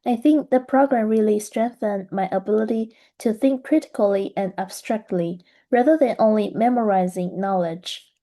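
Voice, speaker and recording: A young adult woman from Taiwan talks through her research journey in a steady, earnest presentation. Her voice is soft and mellow with a mid-range pitch. She sounds thoughtful and reflective throughout. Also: moderate pace. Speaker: graduate student presenter. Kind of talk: scripted presentation.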